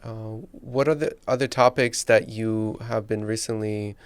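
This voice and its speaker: A man's voice: on the low side, fairly even intonation, a little slow, clean tone, no echo. A man from Belarus hosting a podcast, asking questions in casual conversation. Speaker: podcast host interviewing. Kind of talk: casual interview chat.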